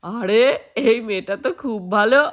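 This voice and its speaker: A woman voicing a scheming male thief doll in a Bengali doll-play cartoon, talking low and menacing. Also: moderate pace, natural voice. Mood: sly. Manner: low growly menacing talk.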